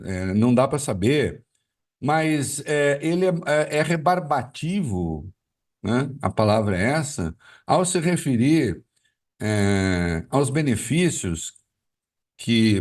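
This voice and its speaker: A male political commentator talking on a live show, arguing his point with rhetorical questions and plenty of fillers. His pitch swings widely, and he sounds a little far from the mic. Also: darkish tone.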